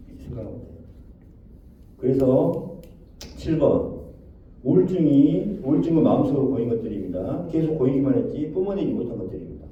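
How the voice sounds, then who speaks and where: A man giving a spoken lecture on overcoming depression, asking his listeners rhetorical questions and acting out the phrases he quotes. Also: medium pitch. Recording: echoey and distant, dull, faint noise.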